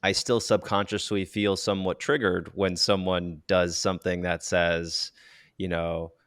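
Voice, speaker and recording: A man's voice: low voice, flat delivery, measured pace, fairly bright tone, no echo, clean studio sound. A man hosting a podcast, speaking in a reflective, hesitant way with many restarts. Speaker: podcast host. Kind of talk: casual interview chat.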